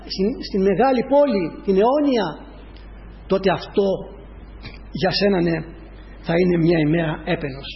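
A man with a voice that sits high preaches a sermon, repeating his points and building to emphatic peaks as he calls the congregation brothers. The dull lo-fi recording has long reverb and a slight hiss or hum.

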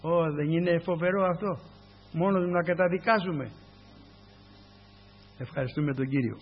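A man preaches an informal sermon, fervent and repetitive, repeatedly calling out to his dear brothers. His fairly high voice is gravelly and husky. The recording is dull and lo-fi, with a steady mains hum underneath.

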